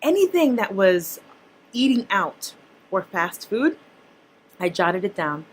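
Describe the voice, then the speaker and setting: A woman's voice: mid-range voice, very animated, slow, a little hiss or hum, poor audio. A young woman, a mother, vlogging about her spending in a chatty, blunt, casual way to her viewers. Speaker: personal finance vlogger, mother. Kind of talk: casual talk to camera.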